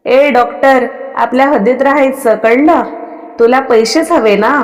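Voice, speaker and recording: A woman's voice: high voice, measured pace. A woman voicing a harsh, arrogant rich young man in a storybook reading, talking coldly and curtly. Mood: contemptuous. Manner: cold and curt, orders people around. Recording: long reverb on the voice.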